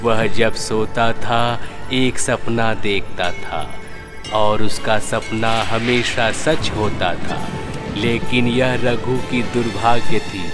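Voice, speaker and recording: Slow, measured male storyteller. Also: on the low side, steady tone, music in the background. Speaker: narrator. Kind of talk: storybook narration.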